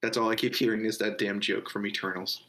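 A man's voice: lowish voice, little pitch movement, fairly quick, bright, forceful tone. A man co-hosting a podcast, chatting casually about a movie, rambling, laughing often and swearing loosely. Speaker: podcast co-host. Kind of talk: casual movie review chat.

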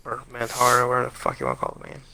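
A man's voice: medium pitch, completely flat delivery, very fast, pushed and bright. A man co-hosting a podcast, chatting casually about fights in a rambling way and often restarting his sentences. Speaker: podcast co-host. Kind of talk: casual sports chat.

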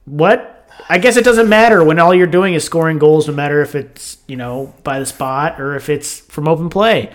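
A man co-hosting a casual football podcast, animated and teasing, swearing freely. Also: on the high side, moderate pace. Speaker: podcast co-host, football fan.

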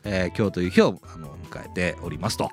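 A man in his thirties co-hosting a casual comedy podcast, firing off quick retorts and laughing often. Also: sits low, faint music behind. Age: 30s. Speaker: podcast co-host.

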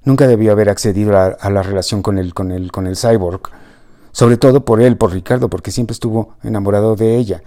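A male narrator reads an audiobook with wry, even pacing. His voice is fairly low and dark, with a relaxed, mellow warmth. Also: brisk.

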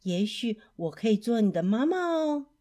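A kind storybook mother bear speaks in a gentle, cooing voice, as a woman reading aloud puts her on. Her lilt rises and falls. The voice sits a little high. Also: very animated, normal speed. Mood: tender.

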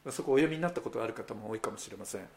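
A man's voice: fairly low pitch, lively intonation, racing, a little mellow. A male pastor giving a sermon in a conversational way. He speaks straight to the congregation with rhetorical asides.

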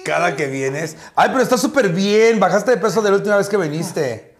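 A man's voice: high-pitched, lively intonation, brisk. A young man with a Mexican accent hosting a casual cooking chat, campy and teasing. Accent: Mexican Spanish. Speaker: host.

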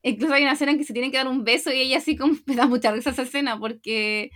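Young woman, Chilean accent, high pitch, animated storyteller, casual chat. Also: very fast. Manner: animated storytelling, acting out quotes. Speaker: podcast co-host.

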